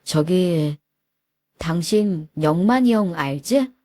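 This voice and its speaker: A woman's voice: medium pitch, animated, unhurried, darkish tone, dry recording, studio quality. A woman voicing a pleading, weak-willed husband in his forties, in a storytelling dialogue. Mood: hesitant. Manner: begging, hesitant.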